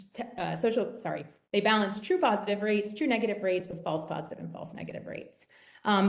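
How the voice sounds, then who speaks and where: Fast-talking woman in an echoey room. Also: on the low side, a little mellow. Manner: rapid, technical, with frequent restarts and fillers. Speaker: webinar presenter. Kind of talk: fast academic conference talk.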